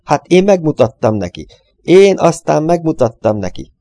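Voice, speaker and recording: A man doing a shrill, pleading little man. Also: big pitch swings, warm tone, no room sound. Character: nervous shrill little man, about 45, false confessor.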